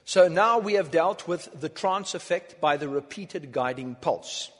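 Male lecturer, husky and a bit high, halting phrases for an interpreter; long hall echo. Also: animated. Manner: speaks in short phrases, pausing for translation, counts beats aloud. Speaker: lecturer on music. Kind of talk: lecture given through an interpreter.

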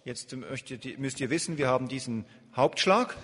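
A man interprets a lecture phrase by phrase, hesitating often and filling gaps with drawn-out filler sounds while he looks for the right word. His mid-pitched voice rings with the long reverb of a large hall. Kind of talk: live consecutive interpreting.

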